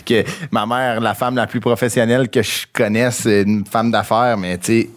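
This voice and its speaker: A man's voice: lowish voice, fairly even intonation, normal speed. A man from Quebec with a Quebec French accent, hosting a casual podcast chat, agreeing a lot and chatting loosely. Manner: chatty, many fillers of agreement, laughs along.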